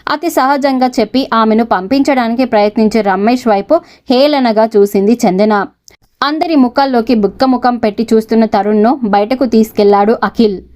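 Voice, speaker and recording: Female narrator for a serialized audio story; steady, expressive, fairly high voice. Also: normal speed.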